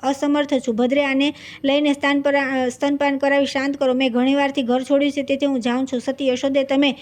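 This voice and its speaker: A woman's voice: sits high, flat delivery, a little fast, close to an everyday voice. A woman reading the lines of a young divine woman pleading humbly in a devotional story.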